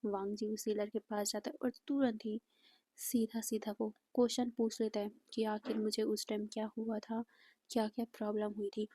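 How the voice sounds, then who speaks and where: A woman narrating a fan fiction story in a soft, breathy way that often drops near a whisper, recorded close to the mic. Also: medium pitch, level tone, moderate pace, no echo.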